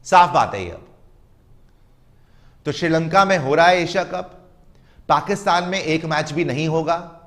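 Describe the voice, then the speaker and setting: A man's voice: a little high, a little slow, long pauses, fairly bright tone. A man giving opinionated, emphatic cricket commentary, lecturing his listeners and mocking the other side.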